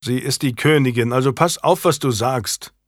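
A guarded medieval husband played by a man in an audiobook, gruff and curt. He speaks low, near the reader's own voice, with a dry, close sound. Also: normal speed, no room sound, lightly acted. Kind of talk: audiobook character reading.

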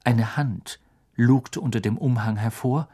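A man narrating an audiobook in a lively, dramatic reading style. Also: mid-range voice, a little slow, husky. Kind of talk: scripted narration.

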